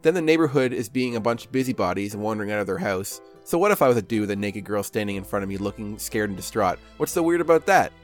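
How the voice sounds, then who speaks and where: A man's voice: lowish voice, fast talker, few pauses, soft background music. A man narrating a game playthrough in a sarcastic, self-mocking way.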